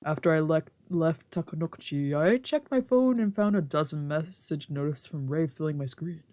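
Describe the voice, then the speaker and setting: A woman streamer with a low, darkish voice reads a visual novel aloud at normal speed, playing it up theatrically and playfully. She drops in casual asides, as in a let's play.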